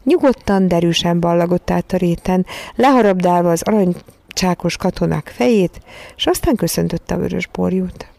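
A woman reading a children's storybook in a calm, measured voice. Her tone is low, dark and gravelly. The recording is dry and close. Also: dry recording. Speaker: narrator.

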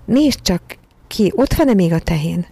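A woman reading a storybook aloud, voicing an eager young girl in a raised, hushed voice. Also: fairly low pitch, animated, husky. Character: excited little girl.

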